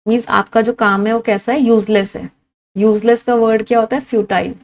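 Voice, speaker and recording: Young woman, Indian English accent, fairly high voice, exam-prep vocabulary teacher who repeats and quizzes. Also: fairly even intonation, a little fast.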